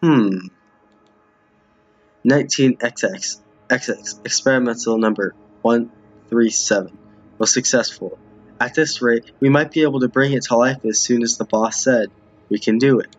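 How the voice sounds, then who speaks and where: With soft music playing behind him, a man streams a visual novel to viewers, commenting casually and reading dialogue aloud while often stumbling or repeating lines. His mid-range voice moves at normal speed, and the home recording is muffled and roomy.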